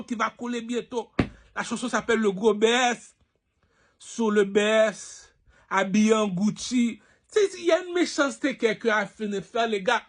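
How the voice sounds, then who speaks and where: Man from Haiti, high-pitched, rambling preachy monologue, keeps asking the listener questions. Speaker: online personality.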